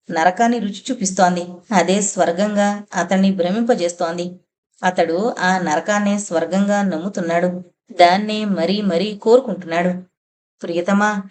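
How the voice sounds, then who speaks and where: Woman audiobook narrator, mid pitch, dramatic measured storytelling for a thriller. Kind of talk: dramatic narration of a suspense novel.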